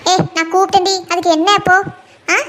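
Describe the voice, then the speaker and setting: A woman voicing a bossy, sharp-tongued older mother-in-law in a comic cartoon, scolding and taunting her family. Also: extremely high pitch, level tone, fairly quick.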